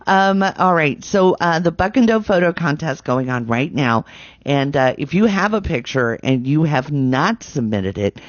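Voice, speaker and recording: A woman's voice: low voice, animated, unhurried, no room sound. Chatty woman radio host, dry dull sound. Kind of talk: casual on-air interview chat.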